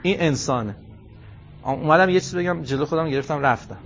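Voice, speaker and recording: A man's voice: a little high, a little hiss or hum. Emphatic middle-aged man giving a religious lecture. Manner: emphatic, swings from quiet asides to loud stressed phrases. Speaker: cleric lecturer. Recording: muffled lo-fi recording.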